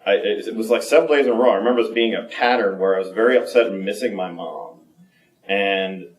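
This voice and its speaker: A man giving a candid personal talk at a conference, halting and full of fillers and restarts. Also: on the low side. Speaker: conference speaker. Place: conference room. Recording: echoey room, mic from a distance.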